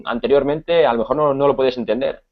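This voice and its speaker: A man from Spain with a Spanish accent, teaching a conversational Spanish lesson, pausing often with repeated words and fillers. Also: mid-range voice, narrow, tinny audio.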